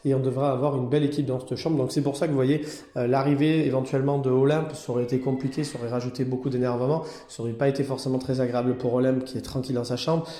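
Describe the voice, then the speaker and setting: Inside an indoor cat room, the owner of a cat hotel talks fast and casually to camera for his vlog, switching between high sing-song cooing at the cats and calm explanations for viewers. The sound is reverberant.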